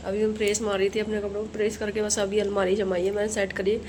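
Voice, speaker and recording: A young woman talks through her household chores in a relaxed, rambling vlog. Her voice sits at an ordinary middle pitch. The phone camera picks up a faint wash of home background noise. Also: fast. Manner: chatty, rambling, talks while doing chores. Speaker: vlogger. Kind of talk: casual home vlog chat. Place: home kitchen and rooms.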